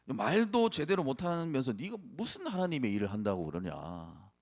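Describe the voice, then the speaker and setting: A man voicing the personified fear as a sneering male taunter that belittles its listener, raised in pitch. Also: wildly swooping pitch, normal speed, darkish tone. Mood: taunting.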